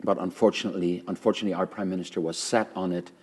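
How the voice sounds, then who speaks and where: A middle-aged Canadian pastor with a very low, naturally loud voice hosts an earnest conversational interview. He speaks with fervent conviction, fast and a little breathy but steady in tone, pressing on his words and repeating phrases to drive each point home.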